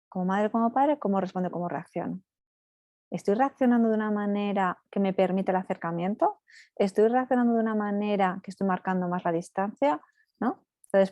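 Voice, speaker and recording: A woman family therapist giving a talk to parents, explaining in a steady teaching way with frequent "right?" tags. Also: medium pitch, no echo, clean studio sound. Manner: acts out parents' and children's lines in passing.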